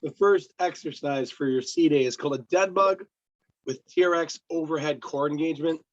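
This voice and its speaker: A man working as a personal trainer with a hoarse voice, coaching a client through exercises step by step with easy laughs. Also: a little high, moderate pace, dull audio. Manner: patient step-by-step instructions, laughs easily. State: hoarse, lost voice. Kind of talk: remote workout coaching.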